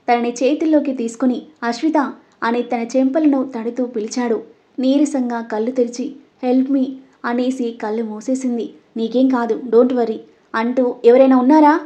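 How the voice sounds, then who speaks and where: A woman reading an audio story aloud, voicing every character's lines in her own voice and getting louder for the dialogue. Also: fairly high pitch, highs cut off. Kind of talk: scripted audio story narration.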